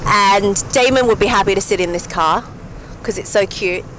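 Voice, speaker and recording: A woman's voice: medium pitch, normal speed, a bit bright, rough recording. Upbeat, chatty woman, thirties, casual vlog talk from a convertible; street noise behind. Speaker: vlog co-host. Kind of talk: casual chat. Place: open-top car outdoors on city streets. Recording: traffic and wind noise.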